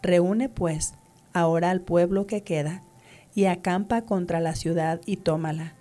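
A woman reads scripture in a measured, even manner. Her voice sits fairly low and has a warm, mellow tone. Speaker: scripture reader. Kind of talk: steady scripture reading.

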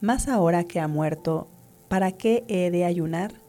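Mellow low-voiced woman reading scripture. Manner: measured, even reading. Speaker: scripture reader.

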